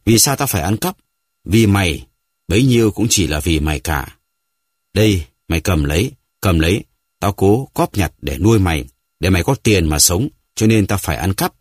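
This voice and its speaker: A man voicing a hoarse, panting old grandfather who is full of guilt and rage in a read-aloud story. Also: low-pitched, expressive, moderate pace, no echo, studio quality. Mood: anguished.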